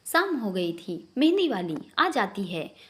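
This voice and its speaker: A woman storyteller giving a steady, expressive scripted narration. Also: mid-range voice, measured pace.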